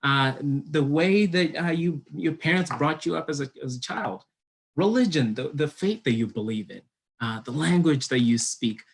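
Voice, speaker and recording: A man's voice: fairly high pitch, expressive, normal speed, creaky, slightly rough. A young man from Kenya, a college admissions counselor, giving an earnest online presentation with many fillers and restarts.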